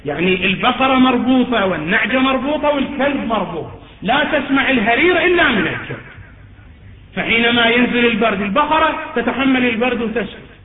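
A man's voice: extremely high pitch, big pitch swings, fast talker. A male cleric delivering an emphatic sermon that swells into chanted, wailing supplication. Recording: echoey hall on a tinny, lo-fi recording.

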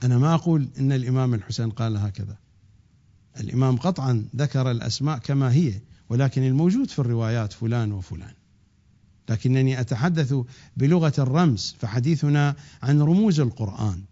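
A man giving a religious lecture, swinging from loud drawn-out emphasis to quick low asides. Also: lively intonation. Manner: rising to emphatic peaks, then dropping low and rushing; draws out key words slowly. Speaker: preacher. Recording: dull lo-fi recording.

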